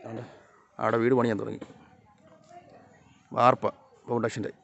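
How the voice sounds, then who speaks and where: A man filming a casual vlog outdoors around his house, talking softly to viewers and calling out loudly to his cats and dogs. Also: mid-range voice, flat delivery, moderate pace, gravelly. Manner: calls and scolds animals in raised voice, chats softly to viewers. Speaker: vlogger. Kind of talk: casual vlog narration to camera while feeding pets. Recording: slightly dull lo-fi phone audio.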